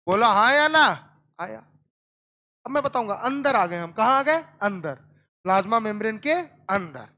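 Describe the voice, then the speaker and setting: Man, biology teacher, classroom lecture, high-pitched, repeats questions to students. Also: animated, moderate pace, sharp tone. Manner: calls students "beta".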